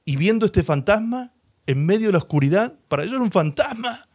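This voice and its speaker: A male pastor preaching a sermon, retelling scripture dramatically and slowing down for emphasis. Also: high-pitched. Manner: expressive preaching, slows and rises for emphasis; dramatizes scripture, voicing the people in the story.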